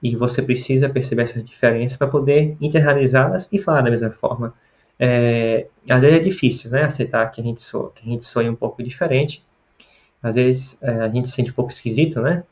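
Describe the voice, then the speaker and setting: A man's voice: mid-range voice, a little fast, darkish tone. A man from Pará with a northern Brazilian accent, hosting a casual language-learning lesson, rambling and repeating words for emphasis. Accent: northern Brazilian Portuguese. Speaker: language-learning video host. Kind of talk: casual educational talk to camera. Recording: slightly dull, lo-fi sound.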